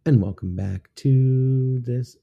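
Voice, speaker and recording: A man's voice: mid-range voice, slow, creaky, dull audio. A man co-hosting a podcast in casual chat, joking around with crude, profane banter. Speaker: podcast co-host.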